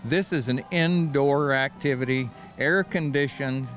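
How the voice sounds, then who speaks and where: A man's voice: mid-range voice, unhurried, fairly bright tone, faint music behind. A man with a folksy, plain-spoken way, chatting casually as the host of a local community interview program.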